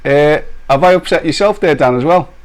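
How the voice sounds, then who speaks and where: A man with a slightly raised voice chats loosely on a live stream, joking and teasing his co-host. He laughs often and ribs viewers in a relaxed, playful way. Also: on the high side, brisk. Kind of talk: casual live-stream banter.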